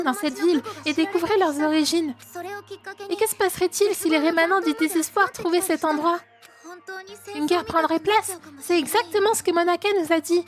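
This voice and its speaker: A woman with a French accent voicing a timid but resolute teenage girl, reading game dialogue aloud on stream. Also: very high voice. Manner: sincere, soft-spoken and resolute. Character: timid, earnest teen girl finding her courage.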